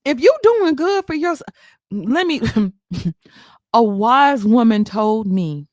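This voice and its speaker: A woman's voice: a little high, sing-song, takes it slowly, no room sound, clean studio sound. A woman, hosting a casual commentary stream, sassy and laughing, firing off emphatic rhetorical questions.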